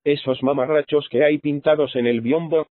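A man's voice: a little high, steady tone, moderate pace, dry recording, natural voice. A man reading a nervous, frightened young lady. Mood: anxious. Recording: tinny phone-like sound.

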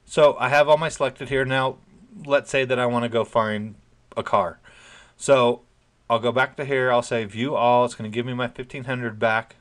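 A man with a mid-range voice, a steady tone and a normal speed gives a chatty, informal software tutorial over a screen recording. He explains each step plainly and modestly downplays his own skill.

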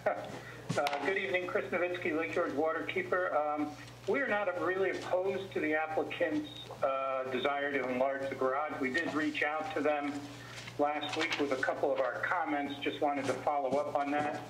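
A man calling in to a town board meeting to give a formal public comment, heard over a speakerphone in the meeting room, measured and polite as he lays out his requests point by point. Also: fairly high pitch, fairly even intonation. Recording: echoey speakerphone with background noise.

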